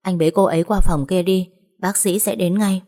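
A hurried hospital nurse in an audiobook romance, brisk and matter-of-fact, read by a female narrator. Her voice sits fairly low. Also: fairly even intonation, dark tone.

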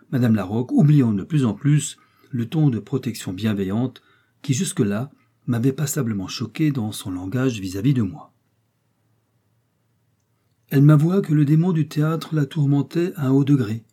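Husky-voiced man narrating a novel. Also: medium pitch, dark tone. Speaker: audiobook narrator. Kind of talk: first-person scripted narration.

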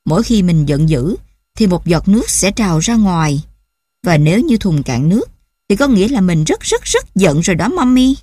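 A woman's voice: lowish voice, very animated, normal speed, dark tone, husky, no echo, studio quality. A woman voicing a playful, stubborn seven-year-old child who chatters eagerly and pleads.

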